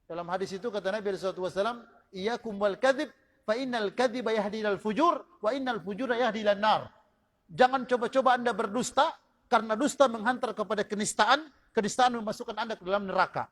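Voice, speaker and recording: A man with a Manado Indonesian accent preaching a sermon, telling stories and acting out their dialogue in lively fashion. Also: high voice, quick pace, in a large hall. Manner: storytelling with acted-out dialogue, animated. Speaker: Islamic preacher.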